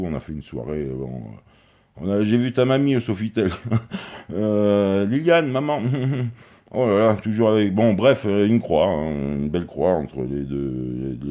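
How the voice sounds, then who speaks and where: A man with a very low, deep voice delivers a rambling comic monologue. He drifts from one crude joke to the next in a confiding tone, as if talking to his daughter. The voice is close to a handheld camera. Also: darkish tone. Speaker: comic character sending a video message to his daughter.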